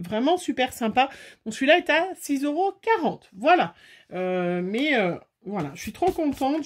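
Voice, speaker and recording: A woman chatting casually as she hosts a card-making tutorial, rambling with frequent fillers and pauses. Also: fairly high pitch. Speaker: crafting video host. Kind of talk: casual craft tutorial chat.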